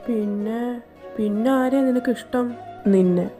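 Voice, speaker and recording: A woman's voice: mid-range voice, moderate pace, mellow, faint music behind. A woman reading a fan fiction audio drama, playing every role in teasing, bantering dialogue.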